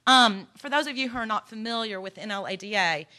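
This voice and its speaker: A Texan woman with a Texan accent gives an earnest, encouraging workshop talk at a conference, folksy in manner. Her medium-pitched voice is pushed and bright, lively in intonation and a little fast, in a conference room.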